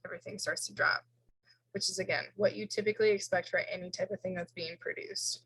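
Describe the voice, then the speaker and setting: Bright-voiced woman lecturing over slides. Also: fairly low pitch, fairly even intonation, fast, husky, no echo, poor audio. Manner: casual, explains tables with fillers and self-corrections. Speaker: instructor.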